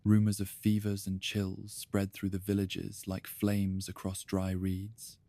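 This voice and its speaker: Calm and soft-spoken, a low-voiced man narrates a history story for bedtime at a measured, even pace. He speaks directly to the listener as "you," and the audio has no echo.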